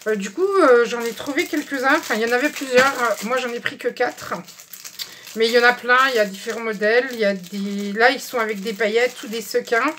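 A woman's voice: on the high side, a little fast, a bit bright. A woman chatting casually through a craft shopping haul, showing items one by one with lots of fillers. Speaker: craft vlogger. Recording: faint background noise with clicks.

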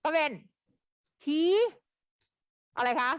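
A woman's voice: extremely slow, a bit bright, no room sound. A woman teaching English in a live online class, explaining and checking often whether students follow. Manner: explains with frequent checks like "okay?".

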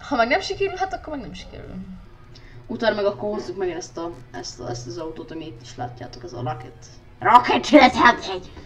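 A woman giving let's play commentary on a racing game, excitable and often shrieking at crashes, talking loudly into a poor microphone. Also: mid-range voice. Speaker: gamer. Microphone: poor gaming mic, speaking loudly into it. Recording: distant mic with faint noise.

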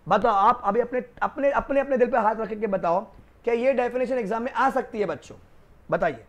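Male law tutor, Rajasthani Hindi accent, high voice, chatty classroom storyteller. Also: brisk, a bit bright. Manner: chatty, joking, addresses students as kids. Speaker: law lecturer for accountancy students. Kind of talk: casual classroom lecture with stories. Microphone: new microphone.

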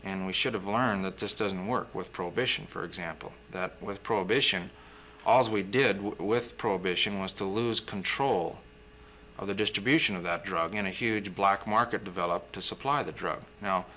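Young guy, low voice, kinda forceful tone, explaining slow and careful in a tv studio, faint hiss. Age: young adult. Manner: measured, explanatory, occasional throat-clearing. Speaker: physician guest. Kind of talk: interview answers.

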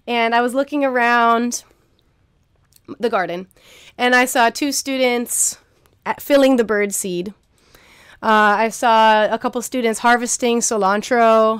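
A young woman, somewhat high-pitched, speaks earnestly and warmly encouraging to her listeners, repeating phrases to drive them home. Her voice is smooth and resonant. The recording is dry and close, made at home on a computer mic. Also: no room sound. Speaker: keynote speaker, garden teacher. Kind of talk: recorded keynote talk. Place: indoor room at home, video recording.

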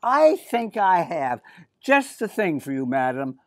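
A man's voice: high voice, big pitch swings, slow pace, gravelly, dry recording, clean studio sound, exaggerated voice. An older man voicing a courteous, formal hat shopkeeper in a storybook, near his own voice. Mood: grand.

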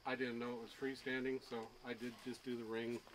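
A man's voice: medium pitch, flat delivery, brisk, background noise. A man casually describing his camper setup outdoors, hesitant with frequent ums. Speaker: trailer owner. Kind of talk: casual chat. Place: outdoor wooded campground.

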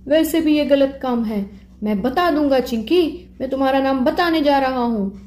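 A woman's voice: high voice, moderate pace, darkish tone, close to an everyday voice. A woman voicing an honest little boy who blurts things out earnestly. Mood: resolved. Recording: roomy echo.

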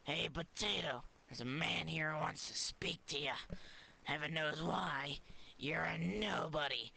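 A man's voice: a little high, expressive, measured pace, gravelly, bright, forceful tone, exaggerated voice. A man voicing a mean farm boss who barks scornful orders. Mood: mocking. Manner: scornful, barking.

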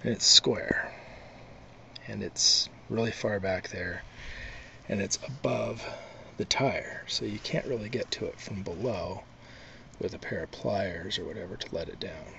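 A man showing a car repair himself, talking in a slow, halting, casual way with many pauses, recorded on a handheld camera outdoors at night under a truck. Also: lowish voice, creaky. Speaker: DIY video maker. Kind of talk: casual how-to demonstration. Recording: loud noise behind the voice.

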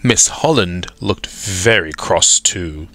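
Male storyteller, very low voice, lively animated delivery, unhurried pace. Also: faint music behind. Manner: expressive, dramatic pauses. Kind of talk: children's storybook read-aloud.

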